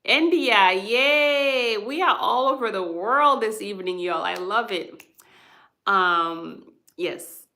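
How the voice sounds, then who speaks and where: This hospice worker from Haiti leads a livestream about hospice at a slow pace, her mid-range voice pushed and bright. After each point she patiently pauses to check in with those watching.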